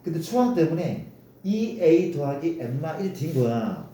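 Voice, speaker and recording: A man's voice: on the high side, sing-song, a little slow, mellow. A male math teacher lecturing a class, coaxing students and constantly checking that they follow. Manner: coaxing, keeps asking students to confirm. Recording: echoey room, distant mic, faint noise.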